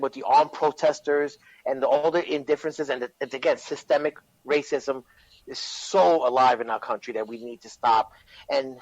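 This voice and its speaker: A man's voice: fairly high pitch, no room sound. A man co-hosting a casual podcast discussion, speaking with heated emotion and frequent swearing. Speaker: podcast co-host. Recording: dull dry lo-fi audio.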